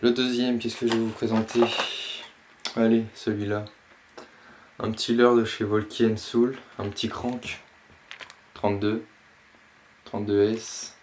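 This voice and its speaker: A man casually presenting and unboxing a box of fishing lures, pausing often with fillers. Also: on the low side, level tone, a little mellow, a little hiss or hum. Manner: slow, hesitant, many fillers. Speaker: fishing vlogger.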